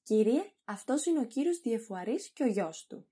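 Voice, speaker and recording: A woman's voice: on the high side, very animated, warm tone, husky. A woman voicing a bold female servant who teases her master. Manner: blunt, teasing. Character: cheeky, outspoken female servant.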